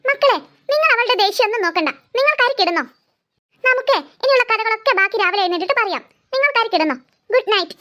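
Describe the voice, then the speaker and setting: A sharp-tongued cartoon mother scolds and mocks her daughter. The voice sits very high and sounds bright and sharp. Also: lively intonation, fast talker, exaggerated voice. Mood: calm. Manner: scolding, sarcastic. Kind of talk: cartoon voice acting.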